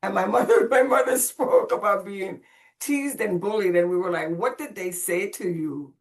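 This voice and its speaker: A woman with a mid-range voice speaking at normal speed recounts her life story on a podcast in a conversational, expressive manner. She's Caribbean, born on Saint Croix and raised speaking Spanish in Puerto Rico.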